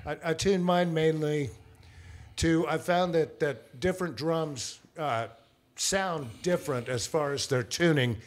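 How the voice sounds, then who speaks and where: Easygoing man in his sixties, slightly high. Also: measured pace. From Texas. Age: 60s. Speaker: guest drummer. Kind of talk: casual chat.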